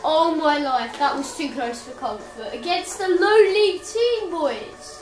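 A woman's voice: high voice, measured pace, echoey room, recorded from a distance, soft background music, low-quality recording. A woman commentating on her own football video game, exclaiming at the screen as she plays. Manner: excitable, frequent exclamations at the screen. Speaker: gaming channel host.

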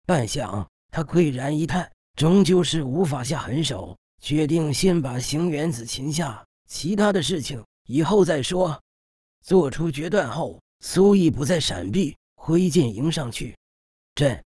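Dry, raised-pitch male audiobook narrator. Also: measured pace, husky, dry recording. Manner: steady, dramatic storytelling. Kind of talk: scripted fantasy audiobook narration.

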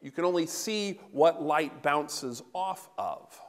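A middle-aged man preaching a sermon as pastor, animated and moving about before the altar, recorded from a distance in a large church sanctuary. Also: on the high side, takes it slowly. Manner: animated, gesturing, walking about while preaching. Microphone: no handheld mic, recorded from a far camera. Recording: long church reverb.

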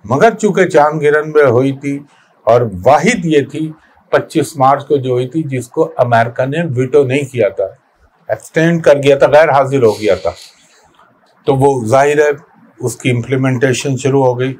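A middle-aged man, giving a weekly astrology forecast in an emphatic, reflective way with pauses and restarts. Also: mid-range voice, a little mellow, slightly rough. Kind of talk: spoken weekly forecast monologue.

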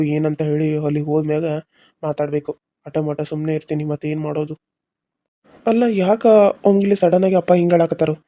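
A man's voice: a little high, warm tone, no room sound, lightly acted. A man voicing a moody young husband in a cartoon serial, brooding and harsh by turns. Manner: brooding, harsh, then pleading. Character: young husband, moody, torn between two women.

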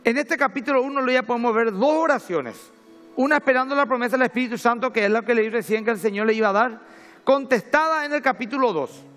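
Man, middle-aged, Paraguayan Spanish accent, pastor, sermon, conversational preaching, high pitch. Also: fast, a bit bright, soft background music. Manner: conversational preaching, with personal stories and Bible reading.

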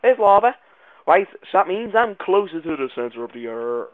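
A man giving excitable, jumpy let's play commentary, swearing and yelling when startled. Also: on the high side, fairly quick, dry recording. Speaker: gaming video creator. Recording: tinny lo-fi mic sound.

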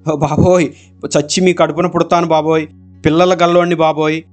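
A man's voice: a little high, level tone, normal speed, a little mellow, lightly acted. A man voicing a frightened stranded man who wails and begs for rescue in a storybook reading, with faint music underneath. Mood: pleading. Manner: pleading, sobbing cries.

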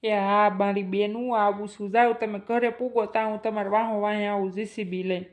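A woman voices a gruff, impatient male digger operator in a cartoon, with a Kathiawadi accent. He talks fast and brusquely, puffing himself up as an official in a mid-range voice. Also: medium pitch, little pitch movement, close to an everyday voice. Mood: grudging. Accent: Kathiawadi Gujarati. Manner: brusque, blustering, self-important. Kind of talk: cartoon comedy voice acting.

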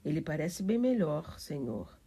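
Nervous old housekeeper lady, fretful, low and husky, read by a woman. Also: big pitch swings, a little slow, dark tone, full character voice. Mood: flustered. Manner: fretful, breathless. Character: flustered older female housekeeper, nervous.

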